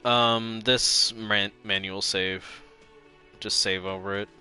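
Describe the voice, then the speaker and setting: A man's voice: fairly low pitch, fairly even intonation, slow pace, sharp tone, smooth, faint music behind. A man streaming a game, thinking aloud in a casual, self-deprecating way. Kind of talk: casual gameplay commentary.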